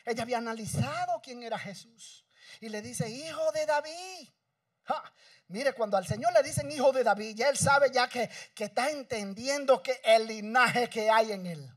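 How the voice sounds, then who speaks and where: A male pastor preaching a sermon, swinging between shouting and hushed, dramatic passages. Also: extremely high pitch, normal speed, no room sound, distant mic.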